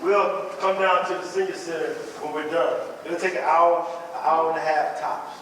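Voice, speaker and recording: An actor playing a weary, ailing middle-aged father on a theater stage, soft-spoken, heard from a distant mic. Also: on the high side, fairly even intonation, moderate pace, natural voice. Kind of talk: live stage drama. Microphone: distant room mic. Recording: echoey hall with background noise.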